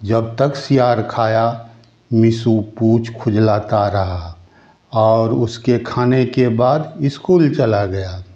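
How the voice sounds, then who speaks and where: A man tells a children's folk tale at a slow, measured pace. His voice is mellow and medium in pitch. The recording sounds slightly dull and lo-fi. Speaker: storyteller.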